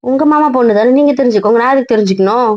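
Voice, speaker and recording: A woman's voice: on the high side, rapid-fire, dry recording. A young woman in casual couple banter, sulky, pleading and stubborn. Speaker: wife in a couple vlog skit. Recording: dull, dry lo-fi audio.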